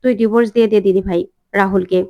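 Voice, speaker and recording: A woman's voice: medium pitch, fairly even intonation, rapid-fire, no echo, highs cut off, voice pushed down, close to an everyday voice. A woman voicing a scheming, jealous young woman who speaks in a whiny, defiant way. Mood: sulky.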